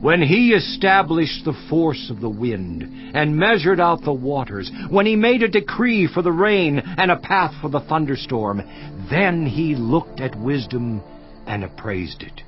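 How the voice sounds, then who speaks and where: Guy doing job from the bible, slow solemn old-style declaiming, kinda high voice, dull lo-fi sound w/ soft music under it. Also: sing-song. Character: Job, aging afflicted man, grave and lamenting. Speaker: dramatized Bible character. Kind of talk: dramatized scripture reading.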